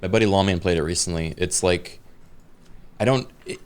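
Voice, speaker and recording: Deep-voiced man rambling on a podcast. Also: moderate pace, smooth. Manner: rambling, hesitant with many fillers. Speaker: podcast co-host. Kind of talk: casual chat.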